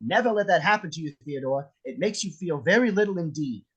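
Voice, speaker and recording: A man's voice: fairly high pitch, animated, a little fast, fairly bright tone, slightly rough, lo-fi sound. Man acting a volatile, mocking jealous husband, swooping delivery. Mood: bitterly sarcastic. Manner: theatrical, mocking, profane. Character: menacing, jealous armed husband, sarcastic and volatile. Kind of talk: table read of a film script. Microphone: video call.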